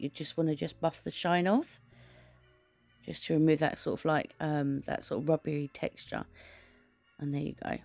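A woman's voice: deep voice, vocal fry, darkish tone. A woman giving a chatty, rambling voice-over for a nail art tutorial, full of fillers and restarts.

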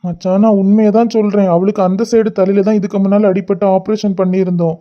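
A man voicing a loyal young male friend in a cartoon, speaking with steady reassurance in a Kanyakumari Tamil accent. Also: high-pitched, fast, lightly acted. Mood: reassuring. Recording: dull lo-fi recording.

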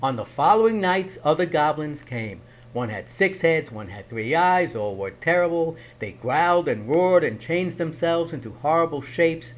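A man reading a children's picture book aloud in an expressive, dramatic way. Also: fairly high pitch, moderate pace, hardly any pauses, slight background noise, low-quality recording. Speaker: storyteller.

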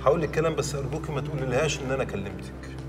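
An actor playing an exasperated young newlywed husband, speaking with an Egyptian Arabic accent in a rapid, pleading way. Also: male voice, medium pitch, lively intonation, recorded from a distance, lightly acted. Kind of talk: film drama acting. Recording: film soundtrack music behind.

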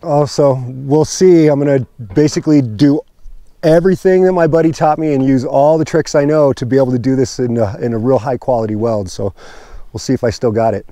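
Out on open country land, a middle-aged man who vlogs about homesteading talks the camera through a task in plain, relaxed, informal language. He speaks briskly in a mellow, medium-pitched voice with no echo, recorded on a clip-on mic with a handheld camera.

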